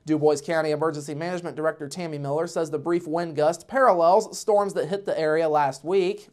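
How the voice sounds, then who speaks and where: A woman's voice: deep voice, steady tone, a little fast, darkish tone. A woman with an American accent reading scripted local news in a formal news anchor delivery.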